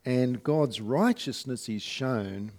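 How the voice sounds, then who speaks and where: Slow-paced male preacher. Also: mid-range voice, animated, a little mellow. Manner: unhurried, conversational, with rhetorical questions. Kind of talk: sermon.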